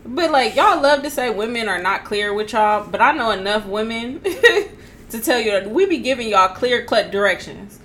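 A woman's voice: a little high, animated, normal speed, a bit bright, slight background noise. A woman co-hosting a casual podcast chat, talking bluntly and ranting with laughter. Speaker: podcast co-host.

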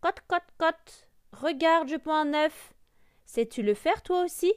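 A woman's voice: measured pace, dry recording, clean studio sound. A woman voicing a boastful farmyard hen who clucks. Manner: clucking, high and loud. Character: mocking farmyard hen, female, shrill.

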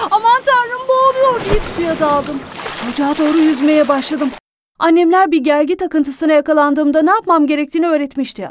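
A woman's voice: high-pitched, noisy background. A woman narrating a first-person true story in an earnest, dramatic reading voice.

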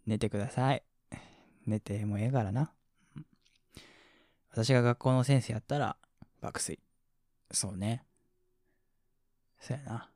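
A man with a Kansai accent hosting a relaxed late-night sleep radio show, reading listener comments in a soft, mumbly, slightly slurred voice that chuckles quietly and drifts into near-whispers. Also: medium pitch, takes it slowly, long pauses, dry recording, clean studio sound. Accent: Kansai Japanese.

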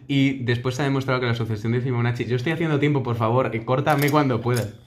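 A man's voice: medium pitch, fairly even intonation, brisk, over music. A young man co-hosting a podcast, chatting casually and teasing his friend, laughing often. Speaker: podcast co-host. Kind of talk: casual chat.

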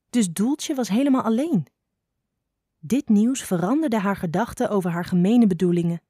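Female narrator, calm storybook reading, dry close sound. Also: mid-range voice, no room sound.

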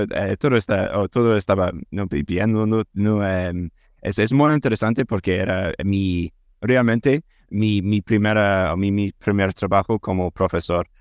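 A Scottish man, a native English speaker, speaking conversational non-native Spanish in an interview, halting and repeating words as he searches for them. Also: lowish voice, darkish tone, no room sound. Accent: Scottish accent in Spanish. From Scotland. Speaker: interview guest, language learner and former English teacher.

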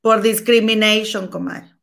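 A woman's voice: medium pitch, steady tone, unhurried, fairly bright tone. A woman co-hosting a gossip show, chatting casually and reading a document aloud, calling her partner comadre.

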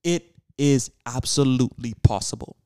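A man's voice: medium pitch, normal speed, dark tone, clear, resonant tone, no room sound. A teenage man hosts his own podcast, speaking in a middling voice close to a dry microphone. He lectures his listeners earnestly, firing rhetorical questions and stumbling into restarts and repeated words as he goes. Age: teens. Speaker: podcast host. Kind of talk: solo podcast monologue.

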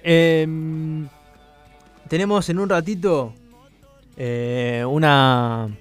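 A man's voice: a little high, steady tone, very slow, clean tone, faint music behind. A young man with an Argentine accent, co-hosting a radio show in a casual, joking chat. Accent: Argentine Spanish. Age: 20s. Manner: chatty, joking, voseo. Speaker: radio co-host.

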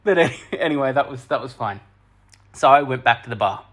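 A man's voice: medium pitch, lively intonation, a little fast, a bit bright, husky. A young man telling a personal story in a casual, sweary, self-deprecating way, laughing through the awkward parts. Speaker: podcast host.

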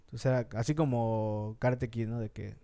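A Mexican man with a Mexican accent telling a story in fast, slangy casual chat, acting out the lines of the people in it. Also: medium pitch, fairly even intonation, warm tone.

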